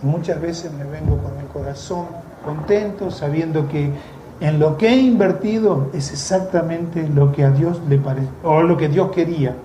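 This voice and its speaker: Argentine preacher, high and mellow. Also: male voice, normal speed. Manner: conversational, with sarcastic asides. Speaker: missionary preacher. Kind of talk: sermon. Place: church. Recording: echoey church room, faint noise.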